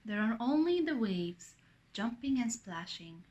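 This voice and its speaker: A woman reading a picture book aloud to young children, pausing to ask them questions. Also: a little high, muffled recording. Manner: animated, with asides and questions to young listeners.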